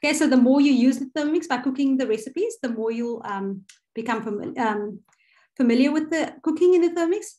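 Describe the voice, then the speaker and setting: A woman's voice: high-pitched, expressive, fairly quick, dark tone. Chatty South African woman teaching online. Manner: chatty, filler-heavy, self-correcting. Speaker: cooking workshop presenter. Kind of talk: online workshop over a video call. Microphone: video call.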